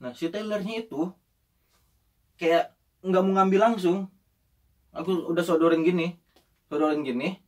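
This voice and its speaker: A young man telling an animated story in casual chat and acting out the voices of the people in it. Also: high voice, unhurried, pauses often, distant mic.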